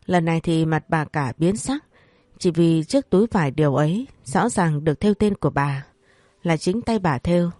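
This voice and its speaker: A woman narrating a scripted audio drama story in a steady, dramatic way. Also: low voice, moderate pace, no echo, clean studio sound.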